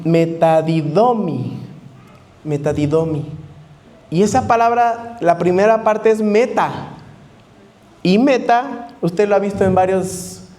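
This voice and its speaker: A man's voice: high voice, mellow. A man preaching a sermon to a congregation, teaching word meanings and putting questions to his listeners. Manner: teaching, asks the congregation questions and spells out Greek terms.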